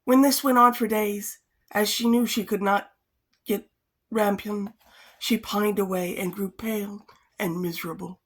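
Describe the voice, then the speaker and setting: A woman's voice: medium pitch, steady tone, a little slow. A woman reading an old fairytale aloud in a casual way, breaking off now and then for wry comments. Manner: chatty, adds wry comments between passages. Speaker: storyteller.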